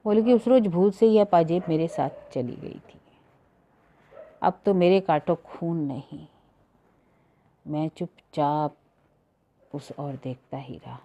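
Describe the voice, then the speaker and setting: A woman narrating a literary short story in a measured, even storytelling manner. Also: low-pitched. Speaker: story reader.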